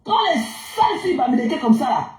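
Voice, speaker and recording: A woman's voice: high-pitched, sing-song, moderate pace, a little mellow, echoey room, rough recording. A woman in a heated online argument, scornful and insulting toward her opponent. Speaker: live stream participant.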